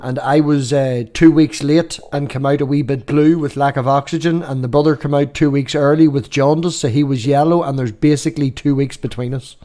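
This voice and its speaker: A man's voice: medium pitch, fairly even intonation, brisk, hardly any pauses, warm tone. Chatty, rambling man in his thirties. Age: 30s. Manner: rambling storyteller who swears freely. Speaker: stream host. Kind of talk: casual chat.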